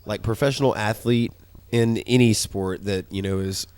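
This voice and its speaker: A man's voice: on the low side, normal speed, darkish tone, clear, resonant tone. A man co-hosting a podcast, teasing and ribbing the others in casual chat. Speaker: podcast co-host.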